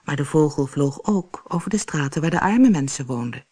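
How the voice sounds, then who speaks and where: A woman reading a fairy tale aloud for an audiobook in a calm, clear storytelling manner. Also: deep voice, normal speed. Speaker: narrator. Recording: faint music behind the voice.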